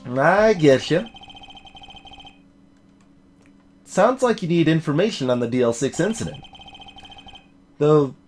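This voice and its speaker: A man's voice: fairly high pitch, lively intonation, moderate pace, a little mellow, faint music behind, lightly acted. A man voicing a friendly, blunt police detective with a folksy, chummy manner in a video game let's play. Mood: helpful.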